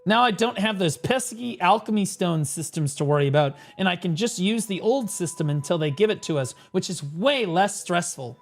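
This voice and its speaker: A man's voice: sits high, expressive, moderate pace, few pauses. A man on a livestream headset mic, ranting sarcastically and swearing through casual game commentary. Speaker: livestream gamer.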